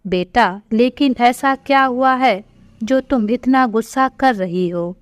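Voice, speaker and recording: Stern mother-in-law, read by a woman, slow and higher-pitched, sharp-tongued, dull lo-fi sound. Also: no room sound. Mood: worried. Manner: sharp, taunting, then doting to her daughter. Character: stern scolding middle-aged mother-in-law. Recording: dull lo-fi recording.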